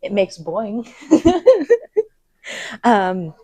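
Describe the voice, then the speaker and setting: A woman's voice: mid-range voice, wildly swooping pitch, extremely slow, warm tone, no room sound. A woman co-hosting a casual commentary podcast, rambling with lots of "um"s and playful sound-effect noises. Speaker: podcast co-host.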